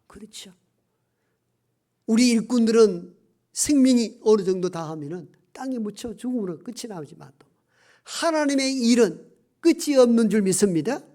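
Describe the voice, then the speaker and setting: A middle-aged male pastor preaching a Sunday sermon in a church. He moves between raised emphatic phrases and hushed, almost whispered lines, and slows down to stress key words. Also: sits high, expressive. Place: church sanctuary.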